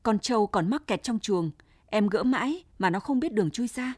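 A woman's voice: medium pitch, animated, moderate pace, a little mellow, no echo, lightly acted. A woman voicing a frightened eighteen-year-old farm girl who pleads anxiously. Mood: pleading.

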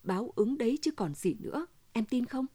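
A woman's voice: a little high, animated, moderate pace, warm tone, breathy edge, no echo. A woman voicing an anxious, brooding husband who talks in a gloomy, muttering way. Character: anxious husband, middle-aged man, brooding.

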